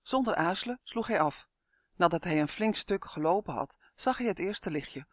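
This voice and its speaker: A man narrating a fantasy children's book with an expressive reading. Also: high-pitched, normal speed, dry recording, studio quality. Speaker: audiobook narrator. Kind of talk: scripted storybook narration.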